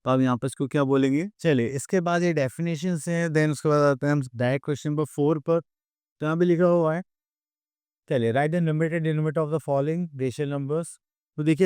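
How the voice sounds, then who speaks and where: A man's voice: fairly high pitch, darkish tone, clean tone, no room sound, clean studio sound. A man teaching a math lesson to students, mixing Hindi and English, asking questions and answering them himself. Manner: slows down to read textbook lines aloud.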